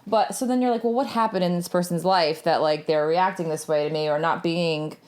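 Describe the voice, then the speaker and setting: A woman's voice: lowish voice, a little fast, darkish tone. A middle-aged woman, a former cheer coach, talking reflectively in a casual podcast chat, trailing off with fillers.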